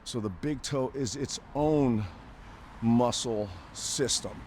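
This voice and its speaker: An older man speaks slowly and calmly, explaining a workout while he demonstrates it. He thinks aloud in short, unhurried phrases between movements. A faint background noise sits under his voice. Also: mid-range voice. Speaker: fitness coach.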